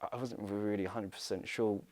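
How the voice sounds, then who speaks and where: A man giving a halting personal account in a documentary interview, pausing and searching for words. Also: fairly low pitch, fairly even intonation. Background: music playing softly.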